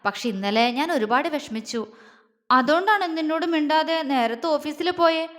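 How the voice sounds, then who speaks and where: A woman voicing an affectionate young man who coaxes and teases softly in an audio story. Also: high-pitched, lively intonation, moderate pace, big-room sound. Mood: tender. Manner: soft, coaxing, playful. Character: teasing affectionate young man, tender lover.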